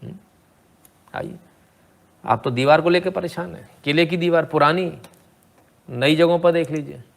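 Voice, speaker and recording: Sarcastic gravelly-voiced male commentator. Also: fairly high pitch, moderate pace, a little hiss or hum. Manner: sarcastic, rhetorical, asks "hmm?" to the viewer. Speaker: commentator reacting to debate clips. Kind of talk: opinionated video commentary.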